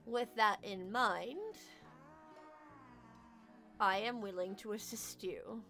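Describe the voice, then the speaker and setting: A woman playing a proud, aloof male fae noble in a tabletop game, speaking in a cool, measured, formal and condescending way. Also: mid-range voice, sharp tone, faint music behind. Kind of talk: tabletop role-play acting.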